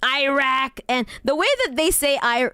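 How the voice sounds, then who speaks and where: Woman streamer, smooth and dry. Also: fairly high pitch, lively intonation, measured pace, no echo. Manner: rambling, laughs often, swears casually. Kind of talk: casual livestream chat.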